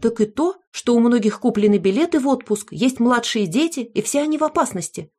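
A woman's voice: fairly high pitch, animated, a little fast, darkish tone, husky, voice pushed up. A woman voicing a persistent young mother in an audiobook, questioning someone in an insistent way. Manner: insistent, interrogating.

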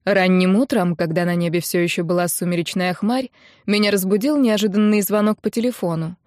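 A woman narrating a first-person novel in an even storytelling delivery as an audiobook narrator. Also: on the low side, fairly quick, dry recording, studio quality.

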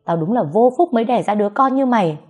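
A woman's voice: mid-range voice, animated, quick pace, mellow, natural voice. A woman voicing an abusive middle-aged mother who screams insults at her daughter in an audio story. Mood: furious shouting. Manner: screaming insults, harsh and scolding.

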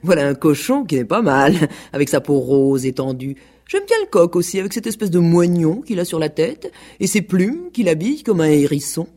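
A woman's voice: fairly low pitch, very animated, normal speed, dark tone. A woman doing an affected, mocking peacock. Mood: condescending. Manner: affected, mocking, with elegant laughter. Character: elegant, condescending peacock. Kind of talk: radio play reading.

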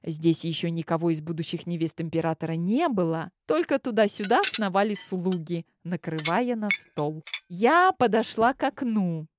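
A woman's voice: lowish voice, expressive, normal speed, hardly any pauses, dry recording. A woman reading scripted first-person story narration expressively, as an audiobook narrator.

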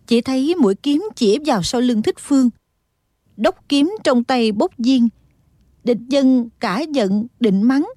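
A woman's voice: on the high side, no echo, studio quality. Woman narrating a wuxia audiobook. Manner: steady storytelling tone. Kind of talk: dramatic scripted narration.

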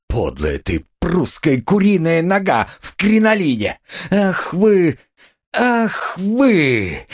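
A man's voice: on the high side, voice pushed up, heavily acted. A man voicing a proud, destitute middle-aged woman, hysterical and scornful, in an audiobook. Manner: shrieking, frantic, scornful. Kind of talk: audiobook character voice.

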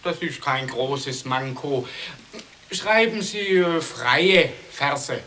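An actor playing an earnest, proud professor in an absurd comic drama, polite, hesitant and pedantic. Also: male voice, a little high, animated, drawn-out words, bright, forceful tone, full character voice.

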